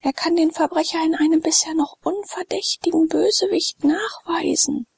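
A woman's voice: extremely high pitch, steady tone, moderate pace, vocal fry, darkish tone, no room sound, voice pushed up. A woman reading out a desperate letter from a blind young slave girl, pleading urgently for rescue.

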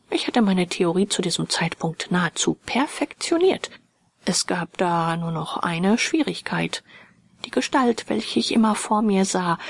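Woman narrator, husky, whispery, slow ghost-story delivery. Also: medium pitch, no room sound. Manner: often half-whispered, slow and hushed. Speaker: audiobook reader.

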